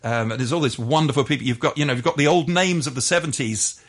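A man's voice: mid-range voice, fast. A middle-aged man, a radio DJ, chatting as a guest in a casual interview, rambling with many fillers and restarts.

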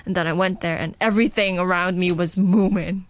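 A woman radio presenter chatting in a relaxed way, with fillers. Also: fairly low pitch, fairly quick, no room sound. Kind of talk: casual radio chat and scripted links.

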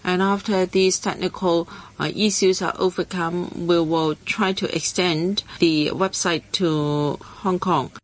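Low-voiced woman as a live interpreter. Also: steady tone, low-quality recording. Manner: halting, pausing with "uh" between phrases. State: live interpreter voice, rendering an official's words. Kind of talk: simultaneous interpretation at a hearing.

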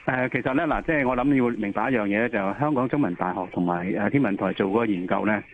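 A man's voice: on the low side, quick pace. Male expert interviewee on a thin, slightly noisy phone connection, Hong Kong Cantonese accent, instructive, repeats key points. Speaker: interview guest, occupational health expert. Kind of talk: explanatory interview answers. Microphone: telephone call. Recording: tinny phone line with noise.

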